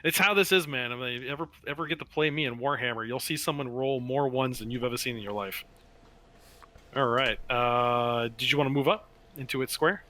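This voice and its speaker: A man narrating a tabletop game as game master over an online call, playful and quick to laugh. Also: mid-range voice, pushed and bright. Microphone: online call microphone.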